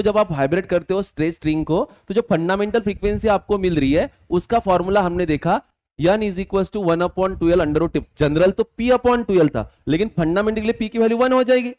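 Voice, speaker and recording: A male physics teacher, lecturing a class, quizzing students and slowly dictating formulas. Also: sits high, a little mellow.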